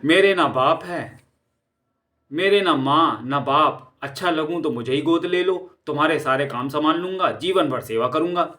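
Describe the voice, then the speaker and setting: A man's voice: on the high side, moderate pace, pushed and bright. A man voicing a greedy, cowardly young swindler who whines and wails in panic in a storybook audio drama. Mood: fawning. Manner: whiny, panicky, wailing.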